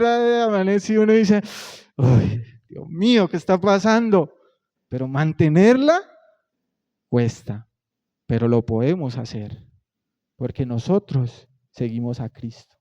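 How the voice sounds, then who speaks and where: Man preaching, mellow lo-fi sound. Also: fairly high pitch. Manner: conversational preaching, swinging between loud emphasis and quiet drops. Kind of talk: sermon. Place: church sanctuary.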